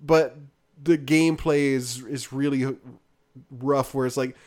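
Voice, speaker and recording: A man's voice: medium pitch, steady tone, measured pace, a little mellow. A man co-hosting a podcast, chatting casually about video games in a loose, rambling way full of fillers that often trails off. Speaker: podcast co-host.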